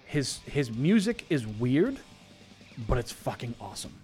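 A man's voice: medium pitch, big pitch swings, measured pace, a little mellow, faint music behind. A man with a Boston accent hosting a radio show in casual, jokey banter, rambling and repeating words, with some swearing.

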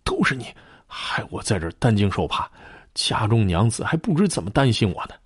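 A man's voice: on the low side, big pitch swings, a little fast, husky, no echo, clean studio sound. A man reading a storybook, voicing a timid young husband who complains fretfully.

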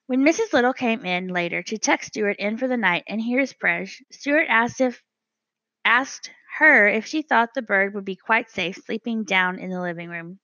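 A woman reading a children's storybook aloud as narrator, measured and gentle. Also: medium pitch, dry recording, muffled recording. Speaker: audiobook narrator.

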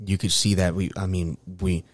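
A middle-aged man from New York hosting a podcast, talking casually and earnestly, often halting and repeating his phrases. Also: sits low, little pitch movement, no room sound. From New York, United States. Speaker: podcast host.

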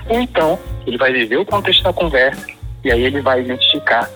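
A man's voice: medium pitch, expressive, quick pace, sharp tone, faint music behind, rough recording. A man with a Paraense Brazilian Portuguese accent, explaining regional slang at length in a casual chat. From Pará, Brazil. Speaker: guest discussing slang.

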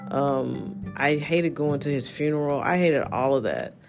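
A woman's voice: deep voice, unhurried, gravelly. Candid woman talking, faint guitar behind. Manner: candid, reflective, laughs often, many restarts. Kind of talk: casual personal monologue.

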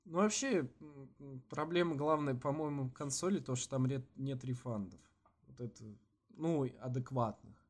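A man co-hosting a podcast in casual, slangy chat with swearing, halting with many false starts and repeats. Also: medium pitch, darkish tone. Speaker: podcast co-host.

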